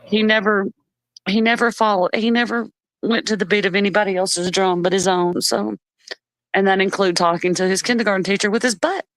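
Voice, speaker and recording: A woman telling family stories in a casual live chat, animated and laughing often. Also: medium pitch, brisk, no echo. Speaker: live stream co-host.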